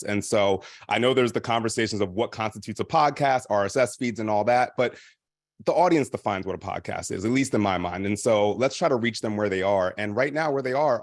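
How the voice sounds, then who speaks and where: A man's voice: fairly low pitch, dry recording, studio quality. A man, the founder of a podcast company, speaking on a panel and explaining practical tips at length with frequent fillers. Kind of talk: panel discussion advice.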